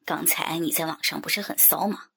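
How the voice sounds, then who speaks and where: A woman voicing a teasing, mocking grown son in a low whispered role-play. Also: fairly quick, gravelly, bright, forceful tone, slightly rough, heavily acted.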